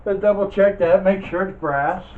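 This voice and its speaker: This man has a high-sitting voice and talks at normal speed. He's a video host tearing down scrap metal, chatting folksily and musing aloud as he works. The lo-fi audio sounds dull, with faint noise and clicks.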